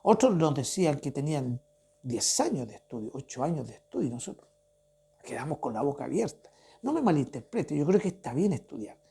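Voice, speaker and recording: A man's voice: a little high, sing-song, fairly quick, creaky, warm tone, husky. A man preaching a sermon to his church, building his points through emphatic repetition.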